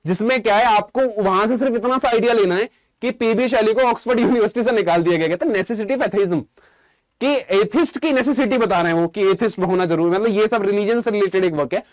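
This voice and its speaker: A man's voice: high voice, no echo. A young man with an Indian accent teaching English literature in a chatty, informal exam-prep lecture. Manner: chatty, informal, jokes with students.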